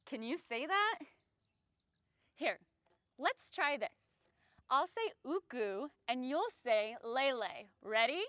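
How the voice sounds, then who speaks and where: In a dry, studio-quality recording, a woman hosts a children's storytime with reading and singalongs as a friendly mermaid who sings and loves the land. She addresses young viewers directly in a playful, exaggerated way, her high, fairly bright voice full of lively intonation, slow and often pausing.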